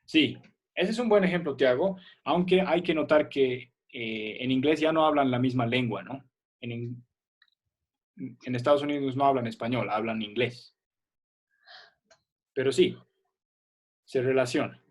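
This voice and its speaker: A man teaching a primary school class on a video call, patient and checking that students follow. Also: mid-range voice. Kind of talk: online class explanation.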